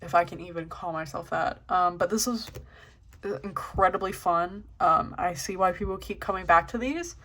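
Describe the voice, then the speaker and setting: Young woman, slightly low voice, casual vlog chat, hesitant, self-deprecating. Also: moderate pace, sharp tone. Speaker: channel host. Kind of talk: casual journal flip-through vlog.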